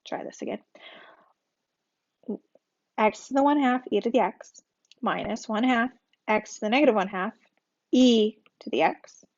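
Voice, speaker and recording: A woman with a fairly high voice talks through a calculus lesson in a relaxed, chatty way. She catches and fixes her own slips and recites a little memory rhyme. The audio is dull and lo-fi. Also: measured pace, pauses often. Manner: chatty, self-correcting, sings a memory rhyme. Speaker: math teacher. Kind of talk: recorded calculus tutorial.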